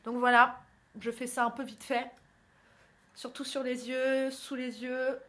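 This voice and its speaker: A woman's voice: high-pitched, level tone, unhurried, bright, forceful tone. A young woman from northern France, chatty and self-mocking, talking through her makeup routine in a casual tutorial. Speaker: beauty vlogger. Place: indoors at home, by a window.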